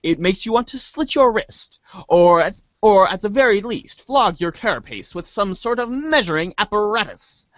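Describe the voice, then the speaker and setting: A man with a high, lively voice gives a theatrical reading of scripted narration at normal speed, sometimes stumbling and going back over words. He is a voice reader in a webcomic reader's theater, and the recording is dry with the highs cut off.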